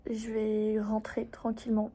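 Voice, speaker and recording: Young woman from réunion vlogging her osteo workday, highish voice, chatty w lots of fillers, sometimes whispering. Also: monotone. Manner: chatty, quick, lots of fillers, shifting between soft whispers and louder talk. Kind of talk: casual vlog chat.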